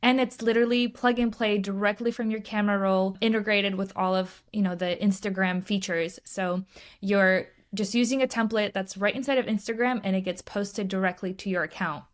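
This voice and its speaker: A woman's voice: mid-range voice, fairly even intonation, fairly quick. A woman, a business-owner guest on a podcast, eagerly explaining her product. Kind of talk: podcast interview.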